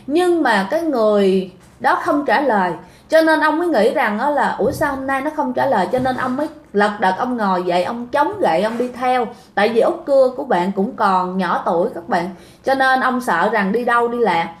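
Chatty Southern Vietnamese woman telling a ghost story. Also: fairly high pitch. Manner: chatty, speaks directly to listeners, many fillers. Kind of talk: casual spoken storytelling. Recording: roomy echo.

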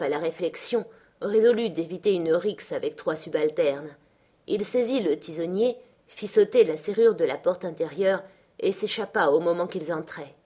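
A woman narrating a classic novel in an audiobook, measured and expressive. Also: fairly low pitch.

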